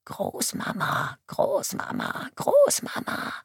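A terrified little girl of about five, crying out in shrill, wailing sobs. Her words come out broken by panic and tears, in a dry, close audiobook sound. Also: completely flat delivery, a little slow, fairly bright tone, no room sound. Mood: hushed calling. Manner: high wailing cries, broken sobbing words.

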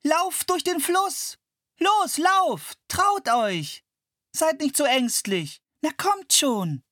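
A reader voicing a young girl caught up in an adventure, calling out in a high, strained voice. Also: expressive, extremely slow, fairly bright tone, dry recording, clean studio sound, exaggerated voice. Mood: urging, excited. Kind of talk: audiobook character voice.

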